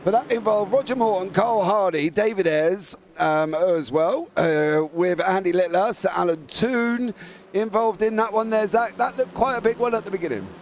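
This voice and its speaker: A male motorsport commentator with a high voice and a gravelly creak calls a race live. His delivery is informal and excitable, with clear vehicle noise running behind him. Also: moderate pace.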